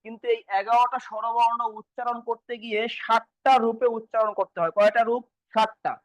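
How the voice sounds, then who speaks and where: A man's voice: extremely high pitch, level tone, brisk, dry recording, rough recording. A man teaching an exam-prep grammar lesson, repeating key points and asking questions he then answers himself. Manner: repetitive, quizzing students and answering himself.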